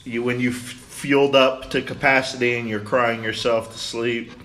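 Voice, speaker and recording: A man's voice: mid-range voice, steady tone, moderate pace, fairly bright tone. A man hosting a podcast in casual banter, teasing his guest with mock interview questions. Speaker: podcast host. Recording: roomy, noisy room recording.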